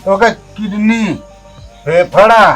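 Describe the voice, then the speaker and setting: Guy doing a drunk awadhi village uncle, high voice, boasty and argumentative, comedy skit w some music behind. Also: slow pace, a bit bright. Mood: boastful lecturing. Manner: drunken, rambling, argumentative talk. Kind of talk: village comedy sketch acting.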